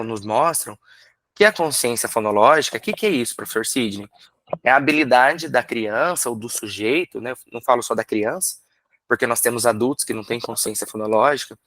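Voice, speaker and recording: A man from Brazil, a literacy teacher, explaining in a workshop lecture, asking himself rhetorical questions and sounding out syllables slowly. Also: medium pitch, fairly bright tone, no room sound.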